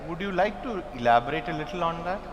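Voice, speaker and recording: A man's voice: on the high side, animated, quick pace, a little hiss or hum. A man moderating a panel discussion, formal and announcing. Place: large expo hall. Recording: hall reverb, faint ambience.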